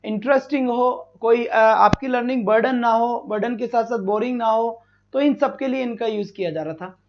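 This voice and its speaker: A man with a fairly high voice teaches a live online exam-prep class in a chatty, repetitive way, asking a question and then answering it himself. He tells off students who come late. The stream audio sounds somewhat dull and lo-fi. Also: moderate pace.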